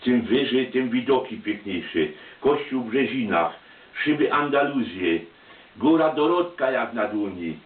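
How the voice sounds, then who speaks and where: A man's voice: mid-range voice, expressive, a little slow. A man with a Silesian accent telling personal anecdotes in a chatty, colloquial dialect. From Silesia, Poland. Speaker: storyteller, amateur photographer. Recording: tinny, roomy, distant microphone.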